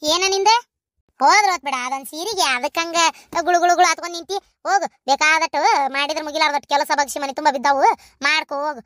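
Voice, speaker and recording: A woman voicing a bossy, sharp-tongued old mother-in-law with a North Karnataka accent who scolds and nags. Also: high voice, steady tone, fast, no room sound, clean studio sound. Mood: nagging. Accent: North Karnataka Kannada. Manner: scolding, nagging, sarcastic.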